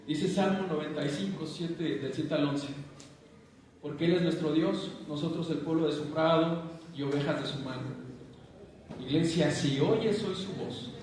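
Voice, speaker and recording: A man preaching a sermon as pastor, animated and questioning the congregation. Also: a little high, a little slow, a little hiss or hum. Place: church hall. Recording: echoey hall, picked up from a distance.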